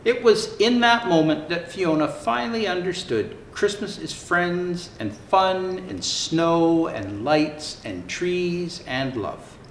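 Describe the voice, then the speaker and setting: A storyteller costumed as Santa gives a lively, theatrical children's book reading in a high male voice, lingering on words for effect. There's an echo from the space and some faint background noise.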